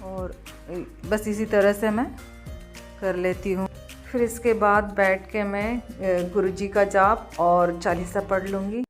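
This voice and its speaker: A woman with a hoarse voice from a cold, casually narrating her daily routine and walking through a sewing job step by step, with pauses and fillers. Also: mid-range voice, steady tone, faint music behind. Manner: slow, homely step-by-step explaining with many pauses and fillers. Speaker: home vlogger.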